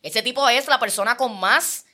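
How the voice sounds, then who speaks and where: A woman in her twenties with a Puerto Rican accent, telling stories in animated casual podcast chat, full of slang fillers. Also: fairly high pitch, normal speed. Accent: Puerto Rican Spanish. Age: 20s. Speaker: podcast host.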